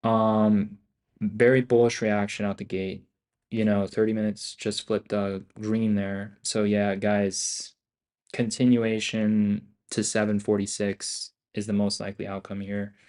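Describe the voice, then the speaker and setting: A man giving casual live trading commentary as a streamer, in loud, cocky, slangy finance-bro talk full of swearing and bro and dude. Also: lowish voice, flat delivery, a little slow. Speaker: day trader hosting a live stream.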